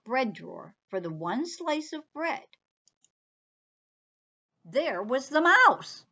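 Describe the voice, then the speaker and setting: A woman's voice: medium pitch, creaky, husky, dull audio. A woman librarian reading a picture book aloud expressively for children, stopping to talk to them directly.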